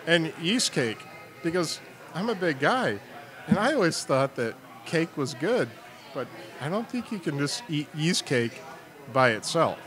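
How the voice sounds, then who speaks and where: His voice is on the high side, sing-song and a bit bright, and he takes his time. This middle-aged sales and marketing co-host of a studio beer show laughs often and jokes at his own expense in a relaxed, comic conversation.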